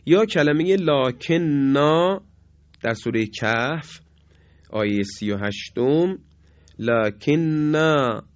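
A man giving a radio lesson as a Quran recitation teacher, speaking in a measured way with frequent hesitations and slowly drawing out the example words he recites. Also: on the high side, dry recording, muffled recording.

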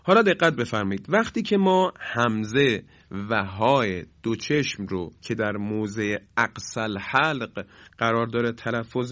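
A man teaching Quran recitation in a broadcast lesson, speaking politely and measured, stretching out example words slowly. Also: mid-range voice, a bit bright, no room sound. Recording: dry, dull lo-fi broadcast sound.

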